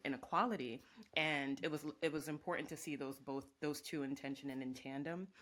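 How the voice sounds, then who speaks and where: A woman in her thirties, from Jamaica, answering interview questions reflectively with many pauses. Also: rumbling low, a bit bright. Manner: reflective, speaks in lists with many ums. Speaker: guest, professor and organizer. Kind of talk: conversational interview.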